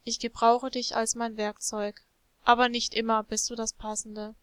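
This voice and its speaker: Woman doing a gentle, loving old-world potter. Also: fairly high pitch, flat delivery, moderate pace, clean tone, no room sound, close to an everyday voice. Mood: tender. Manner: soft, tender, explaining. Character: gentle, loving male potter, patient and wise.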